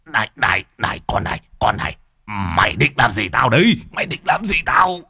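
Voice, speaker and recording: Narrator voicing a scared servant, panicky yelling. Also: male voice, lowish voice, big pitch swings, brisk, vocal fry, breathy edge, no room sound, clean studio sound, exaggerated voice. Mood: frightened. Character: frightened male servant.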